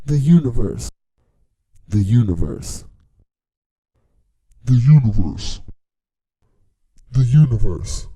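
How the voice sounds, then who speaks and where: A man's short spoken phrase played back as a formant-shifted, warped vocal sample, said slowly and drawn out. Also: mid-range voice, lively intonation, warm tone, no echo, pitched below the performer's own voice. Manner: slow, drawn-out single phrase. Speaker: music production tutor.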